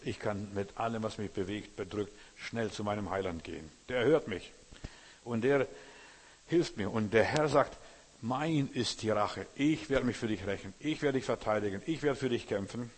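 A man's voice: medium pitch, husky. Fervent preacher man in a reverberant hall. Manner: fervent, addresses listener directly, repeats phrases. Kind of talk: sermon.

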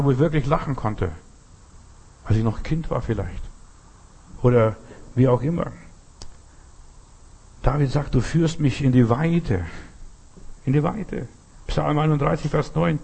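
A man's voice: medium pitch, vocal fry, warm tone, husky. A man preaching a sermon, speaking earnestly to his listeners, addressing each one directly and repeating key phrases for emphasis.

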